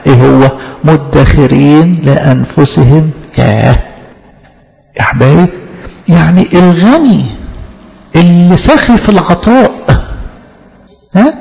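A man's voice: on the high side, gravelly, a little mellow. A man with an Egyptian Arabic accent preaching a sermon, asking rhetorical questions and answering them himself, repeating key phrases for emphasis. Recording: dull lo-fi recording.

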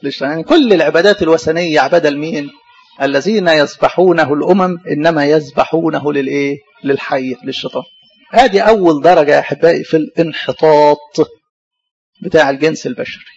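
A man's voice: on the high side, quick pace, darkish tone, breathy edge. A man with an Egyptian Arabic accent preaching a sermon. He keeps asking the congregation questions and then answers them himself. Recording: dull lo-fi recording.

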